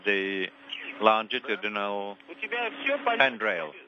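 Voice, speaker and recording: A man on a crackly space radio communicator link, giving slow, clipped procedure calls during a spacewalk. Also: on the low side, big pitch swings, creaky. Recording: muffled radio transmission with static.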